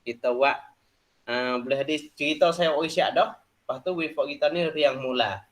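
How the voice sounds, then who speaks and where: A man leads a class in a loose, repetitive style, filling his explanation with plenty of "ha" and "nah." His voice sits at a middle pitch and moves at a normal speed.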